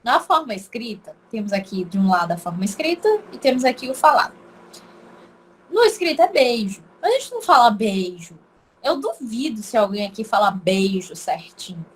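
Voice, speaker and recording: A Brazilian woman with an Acre accent gives an informal online language lesson, chatty and emphatic, saying words aloud to demonstrate their pronunciation. Her voice is fairly high, animated and a little fast, on poor audio with slight hiss or hum.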